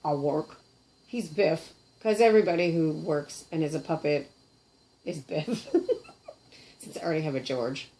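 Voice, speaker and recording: A middle-aged Canadian woman sits at her kitchen table showing off her puppets, chatting casually, giggling and poking fun at herself. She's a puppeteer and vlogger with a deep, warm voice and lively intonation, speaking unhurriedly and pausing often in this easygoing show-and-tell.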